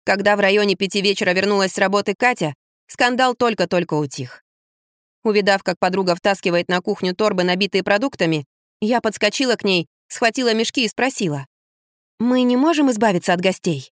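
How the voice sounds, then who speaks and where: A woman's voice: mid-range voice, a little fast, dry recording. Woman narrating an audiobook, dry close sound. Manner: first-person storytelling, lively and expressive. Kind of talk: audiobook reading.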